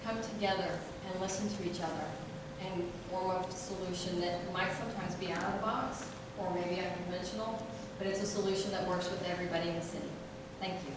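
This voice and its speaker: A woman's voice: lowish voice, steady tone, brisk, few pauses. Woman candidate, earnest closing words, heavy noise, very echoey distant recording. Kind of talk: campaign speech. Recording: echoey room from far off, loud noise.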